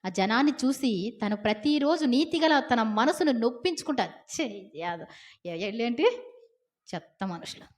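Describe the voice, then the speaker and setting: Woman preaching an animated sermon. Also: mid-range voice. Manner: animated storytelling with acted quotes and repeated asides to the listeners.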